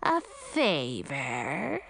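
A woman voicing a slow, menacing old sea witch. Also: very deep voice, huge pitch swings, creaky, a bit bright, no room sound, voice pushed down, heavily acted. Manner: slow, drawn-out threatening delivery.

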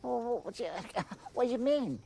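A woman voicing a friendly, eager, scatterbrained troll with halting, repetitive chatter in children's television make-believe. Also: fairly high pitch, lively intonation, vocal fry, warm tone. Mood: puzzled, cheerful. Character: friendly, eager, scatterbrained troll errand-runner named Robert. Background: music.

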